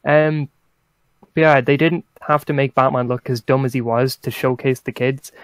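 A man's voice: medium pitch, fairly even intonation, normal speed, no room sound. A young man co-hosting a casual rewatch podcast, hesitant with many ums and wry little laughs. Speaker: podcast co-host. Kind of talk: casual chat.

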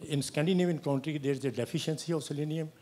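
An audience member puts a question to the panel in a slightly high voice. He stops often and fills the gaps with "uh" as he hunts for the next word. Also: warm tone, slight background noise. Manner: halting, many fillers.

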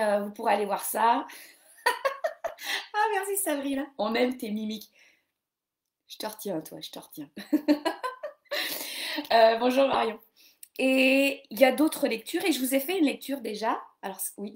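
A chatty woman in her forties talks casually on a live stream, mocking herself with a good humor. Her voice sits a little high, and she breaks off and restarts often as she talks about books with her viewers. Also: a little mellow. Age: 40s. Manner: chatty, self-mocking, with many restarts and fillers. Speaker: yoga teacher and podcast host. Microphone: computer or phone camera on a live stream.

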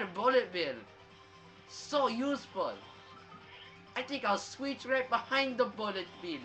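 A man giving let's play commentary, excitable, trash-talking the enemies on screen and breaking into shouts and laughs. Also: very high voice. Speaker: gamer playing through a platform game. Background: faint game music.

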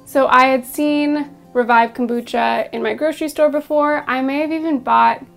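A young woman vlogger with a raspy voice, chatting casually about her favorite products at home, with lots of ums and asides. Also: sits high, fairly even intonation, moderate pace, faint music behind. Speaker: beauty and lifestyle vlogger. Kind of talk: casual product review to camera.

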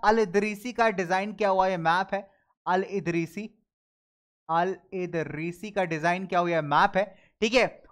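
A male school teacher giving an online class. He is animated and keeps asking checking questions while he tells everyday stories to make his points. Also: sits high, clean tone.

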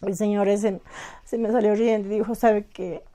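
A middle-aged woman with a southern Andean Ecuadorian accent, giving personal testimony as a victim's mother, halting and emotional, full of reported speech. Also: medium pitch, steady tone, mellow. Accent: southern Andean Ecuadorian Spanish, Azuay.

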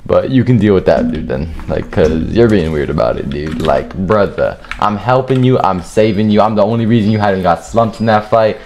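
A young man giving profane, trash-talking commentary while he plays a game, often jumping into high yelps. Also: lively intonation, moderate pace, hardly any pauses, darkish tone, a little hiss or hum. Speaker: gamer and video creator. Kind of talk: live gameplay commentary.

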